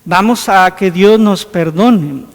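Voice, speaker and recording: Priest giving a homily, high voice, slow and earnest, long church echo. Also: male voice, creaky. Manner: earnest, rhetorical questions, acts out scripture scenes. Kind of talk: sermon. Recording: long hall reverb.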